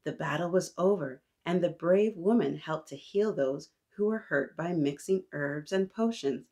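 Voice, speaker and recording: A woman in her thirties, speaking at a measured pace in a lowish, darkish voice, reads aloud to children as a storytime host. She brings expression to the reading and addresses her young listeners as though they're answering back.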